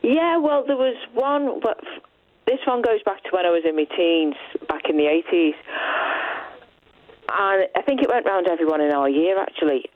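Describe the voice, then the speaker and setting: A woman's voice: fairly low pitch, animated, moderate pace, dry recording. Chatty woman on the phone. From Liverpool, England. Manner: chatty, joking, rambling. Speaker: radio caller. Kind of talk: phone-in chat. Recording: dull phone line.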